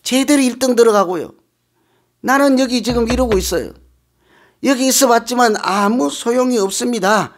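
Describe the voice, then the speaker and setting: A man's voice: very high-pitched, normal speed, pitched above the performer's own voice. A man putting on a whiny sick man. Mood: complaining. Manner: whiny, pleading. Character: complaining sick man at the pool.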